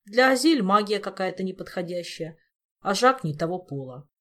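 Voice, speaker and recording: A woman's voice: medium pitch, lively intonation, moderate pace, fairly bright tone. A woman reading an audiobook, voicing a gloomy young prince who speaks bluntly and grumbles.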